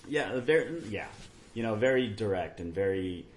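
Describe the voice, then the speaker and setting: Low-voiced male voice-over guy, rambling. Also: moderate pace, slight background noise. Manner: relaxed, rambling, trails off quietly. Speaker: voice-over artist. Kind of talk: casual podcast chat.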